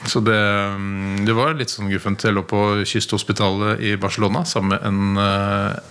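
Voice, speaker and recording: A man's voice: lowish voice, flat delivery, a bit bright, smooth. A man chatting as a guest, telling stories in a rambling way with lots of hesitations. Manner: rambling storyteller, many hesitations. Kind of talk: casual chat.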